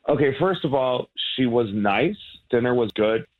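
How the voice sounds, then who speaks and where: A man's voice: medium pitch, animated, measured pace. A man calls in over a thin, tinny phone line, explaining himself in a loose, rambling way. He stays laid-back and laughs easily between thoughts. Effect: heard over a phone line. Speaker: caller on a radio dating segment. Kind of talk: casual chat.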